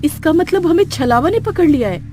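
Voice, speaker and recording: A woman voicing a worried young wife in an animated horror story, asking anxious questions. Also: high voice, a little fast, faint music behind.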